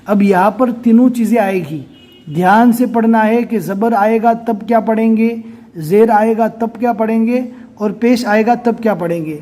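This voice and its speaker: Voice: medium pitch, mellow, faint music behind. A Quran reading teacher giving a recorded step-by-step lesson, who explains patiently and then sounds out syllables one at a time.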